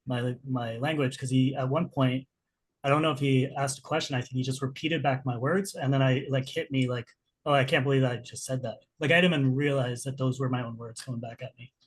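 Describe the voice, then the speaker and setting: Halting, mid-pitched man reflecting casually. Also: steady tone, husky. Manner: halting, thinking aloud. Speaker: trainee who acted as the client.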